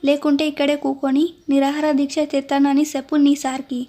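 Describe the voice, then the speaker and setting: A woman reading out a loud, stubborn village bride in a storybook, scolding in rustic speech with a high, flat voice. She talks down to everyone. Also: fairly quick.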